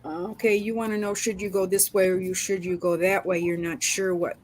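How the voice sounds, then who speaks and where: A woman's voice: lowish voice, little pitch movement, a little fast, darkish tone. Woman reader on a video call; choppy connection, cut-off word endings. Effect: choppy video-call audio with words cutting in and out. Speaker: psychic reader. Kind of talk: casual reading over a video call.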